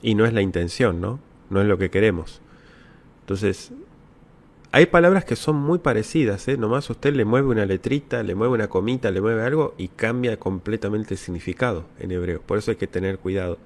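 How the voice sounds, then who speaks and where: A low-pitched man from Latin America explains scripture to viewers in a patient teaching manner. He repeats his key words and keeps checking in with quick rhetorical tags. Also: expressive, darkish tone. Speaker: Bible teacher. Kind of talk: answering viewer questions.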